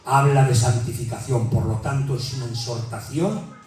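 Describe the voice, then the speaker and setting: Fervent Spanish preacher in an echoing hall. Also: male voice, medium pitch, normal speed. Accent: Peninsular Spanish. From Spain. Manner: fervent, rises to near-shouting, repeats "hermanos". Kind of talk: sermon. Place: church hall. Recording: very echoey hall, mic far off, faint music.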